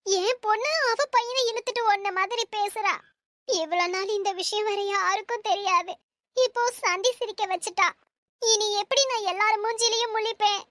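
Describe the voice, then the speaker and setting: Cartoon: a crying, despairing middle-aged mother, high-pitched and dry. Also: no room sound. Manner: tearful, despairing, quiet.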